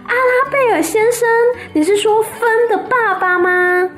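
Storybook voice: a woman doing a whiny, terrified young boy pig, shrill and high, faint music behind. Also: normal speed, fairly bright tone. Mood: panicked. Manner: shrill wailing pleas. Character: frightened young male pig, panicky and whiny.

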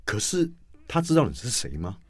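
Lively fast-talking man host. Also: medium pitch, husky, no room sound, studio quality. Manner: lively, teasing, quick to challenge. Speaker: talk show host. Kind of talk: casual chat.

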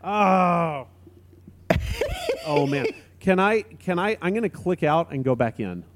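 A man calling in to a podcast chat on a crackly line that fades in and out, talking in a halting way with restarts. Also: high-pitched, animated. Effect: crackly call line cutting in and out. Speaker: podcast panelist calling in remotely. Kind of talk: casual chat. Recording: crackly remote call line with faint noise.

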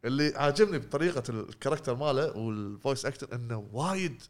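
Man, podcast co-host, very rapid, halting restarts. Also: medium pitch, expressive. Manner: fast, rambling, many restarts and trailing words. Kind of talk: casual gaming podcast chat.

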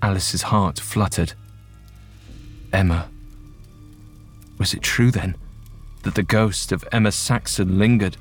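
A man narrating a ghost story in a measured, suspenseful storytelling manner. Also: lowish voice, slightly rough. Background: faint music.

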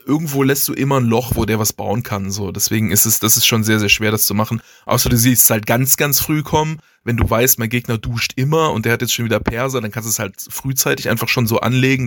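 A man's voice: medium pitch, a bit bright, no room sound, clean studio sound. A man, casually explaining video game strategy, thinking aloud with restarts and chuckles. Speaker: guest strategy player.

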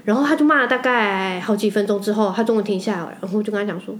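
A woman's voice: medium pitch, slight background noise. A young woman with a Taiwanese Mandarin accent, chatting on a podcast and telling stories animatedly and emphatically. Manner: animated storytelling, quick and emphatic. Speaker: podcast co-host. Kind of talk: casual chat.

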